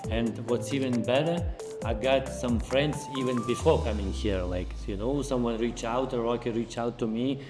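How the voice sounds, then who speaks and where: Man from Lithuania, earnest testimonial, halting phrasing, music bed. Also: mid-range voice. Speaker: mentorship student giving testimonial.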